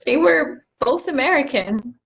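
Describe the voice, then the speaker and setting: A woman's voice: high voice, animated, a little slow, gravelly, heavily acted. A young woman acting an earnest, bookish stargazer in a stage play reading, a little apologetic as she explains things. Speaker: actor in a rehearsed play reading.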